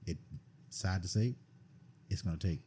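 A man's voice: sits low, normal speed, warm tone, slight background noise. A Bahamian man, a podcast guest, talking bluntly and earnestly in a casual discussion, often repeating himself.

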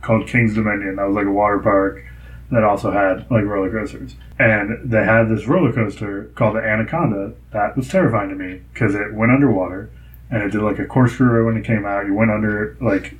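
A man's voice: on the low side, fairly even intonation, a little fast, rough recording. A young man chatting casually, telling rambling stories full of fillers. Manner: rambling, filler-heavy storytelling. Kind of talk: casual chat.

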